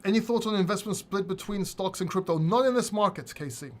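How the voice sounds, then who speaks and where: Brisk and high-pitched, this crypto channel host from Greece runs a laid-back live Q&A. He picks questions from the chat and responds openly, occasionally cursing.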